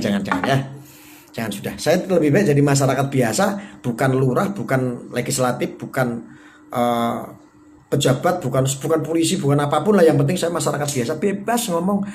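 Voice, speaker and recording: Guy rambling on a live stream, sarcastic, mock-proud, voice jumps around, slight hiss behind. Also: a little mellow. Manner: sarcastic and mock-boastful, with sudden jumps in pitch and volume. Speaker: live-stream host reading viewer comments.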